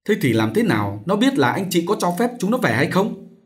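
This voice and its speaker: A man's voice: high-pitched, big pitch swings, a little fast, pitched above the performer's own voice. A man voicing a grieving, bitter old mother. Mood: anxious. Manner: moaning, reproachful.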